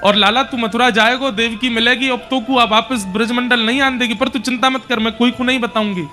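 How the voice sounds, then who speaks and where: A man voicing a grieving elderly village mother, speaking softly and pleading through sorrow. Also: extremely high pitch, fairly even intonation, fairly quick, voice pushed up. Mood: grief-stricken. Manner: soft pleading, choked with sorrow.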